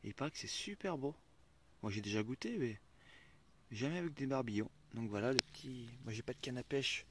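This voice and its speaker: Against a noisy background, a young man in an animated, mid-range voice speaks a little fast as he vlogs to camera beside a river. He chats with viewers and his dogs and curses occasionally when annoyed, keeping it all casual.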